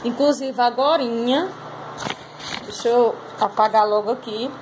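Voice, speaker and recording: With noise in the background, a woman teacher reviews a class exercise in a recorded lesson. Her voice is fairly high and a bit slow as she explains each step patiently, drawing words out.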